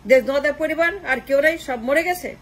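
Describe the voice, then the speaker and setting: A woman delivers a fierce political monologue in a high voice. She repeats her points again and again for emphasis, sliding between Bengali and English. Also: a little fast, poor audio. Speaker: political commentator.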